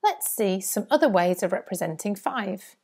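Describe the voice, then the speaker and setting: A woman delivers a scripted lesson for young children. Her voice sits at an average pitch but moves up and down in a lively, singsong way. She speaks as a primary school teacher addressing a class. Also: normal speed, husky.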